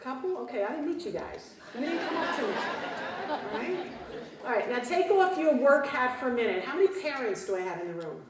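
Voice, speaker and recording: High lively woman giving a pep-talk keynote, keeps asking the crowd "right?", big echoey hall, mic a bit far off. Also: brisk, background noise. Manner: animated, audience-prompting with frequent "right?". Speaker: keynote speaker. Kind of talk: motivational keynote speech. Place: conference hall with audience. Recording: roomy hall, distant mic.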